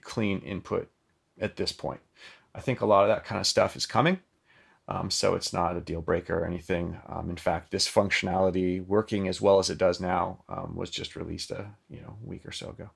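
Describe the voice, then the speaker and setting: A man's voice: deep voice, fairly even intonation, moderate pace, vocal fry, slightly rough. A man giving a casual, chatty product demo of a synth, with loose phrasing and lots of filler ums. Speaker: synth demonstrator. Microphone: microphone plugged into the synth.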